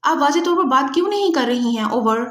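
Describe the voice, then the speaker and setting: A woman's voice: high-pitched, roomy sound, close to an everyday voice. A woman playing a polite, puzzled female underling. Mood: puzzled deference. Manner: polite, questioning, respectful. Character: deferential female subordinate, puzzled and respectful.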